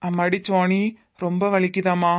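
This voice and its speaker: A woman voicing a kindly widowed father-in-law who speaks gently and coaxingly, in a Tirunelveli Tamil accent. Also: on the low side, monotone, normal speed, natural voice. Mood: gentle, coaxing. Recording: slightly muffled lo-fi audio.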